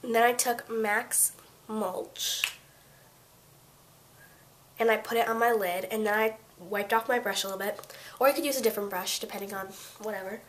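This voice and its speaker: A teenage girl with a blocked-up, congested voice from a cold talks through a beginner makeup routine at a middle pitch. She rambles, restarts her sentences and leans on fillers. A faint hiss of noise sits under her voice on the webcam mic. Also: fairly even intonation, normal speed, long pauses. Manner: rambling, chatty, full of fillers and self-corrections. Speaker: beauty vlogger. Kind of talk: casual makeup tutorial.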